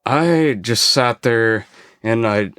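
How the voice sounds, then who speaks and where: A man on a podcast, a former forest ranger, casually telling a story with frequent swearing and halting restarts. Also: mid-range voice, a bit bright, smooth, dry recording, studio quality.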